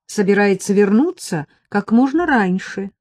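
A woman's voice: mid-range voice, lively intonation, unhurried, no room sound, clean studio sound, pitched above the performer's own voice. A woman reading an audiobook, voicing a brash, worried young woman friend who talks sharply and pushes hard. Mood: pushy. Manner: sharp, pushy, sarcastic.

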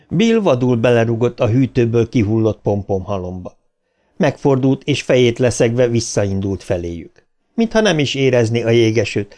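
A man reading a horror novel aloud as an audiobook narrator, measured and dramatic. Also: mid-range voice, darkish tone. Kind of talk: scripted narration.

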